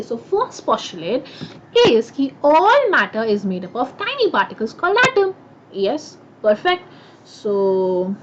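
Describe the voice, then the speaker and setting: A woman with an Indian accent and a high, very lively voice teaches a live online science class. She is chatty and keeps posing questions that she answers herself. The audio is slightly dull, with some noise behind her. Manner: animated, chatty, asks and answers own questions. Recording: muffled audio with clear background noise.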